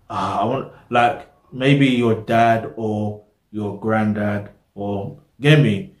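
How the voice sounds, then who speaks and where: A man's voice: mid-range voice, a little mellow. A young man, hosting a reaction video, talking casually to the camera in a small room, rambling and losing his train of thought. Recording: roomy echo.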